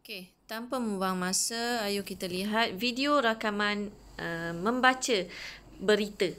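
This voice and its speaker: A woman's voice: medium pitch, unhurried, a bit bright. Malaysian woman teacher, hesitant fillers. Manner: explains step by step, with frequent hesitant fillers. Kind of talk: recorded online class lesson.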